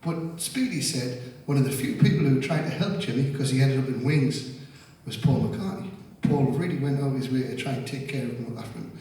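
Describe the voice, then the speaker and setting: A man's voice: medium pitch, fairly quick, hardly any pauses, warm tone. A man with a Geordie accent telling rambling, sweary anecdotes between songs on stage at a live music venue. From North East England. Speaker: singer-songwriter. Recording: echoey live hall, distant mic.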